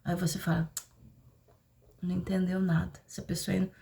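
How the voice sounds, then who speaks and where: A woman's voice: lowish voice, flat delivery, moderate pace, vocal fry, dark tone. A woman preaching in a live prophetic class, urgent and pleading, often dropping to a whisper. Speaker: prophetic teacher.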